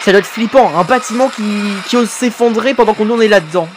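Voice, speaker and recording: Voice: medium pitch, a little fast, a little hiss or hum. A reaction-video host giving playful, jokey commentary with bursts of sound effects.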